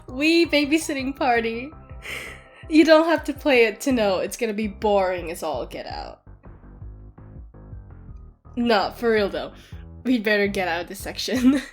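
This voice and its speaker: A woman plays an excitable, teasing, nerdy gamer girlfriend in a casual audio roleplay, talking one-sidedly to her partner with amused scorn. Her voice is on the high side, measured, with long pauses, as she giggles and rants playfully and animatedly. Game-like ambient music plays beneath her.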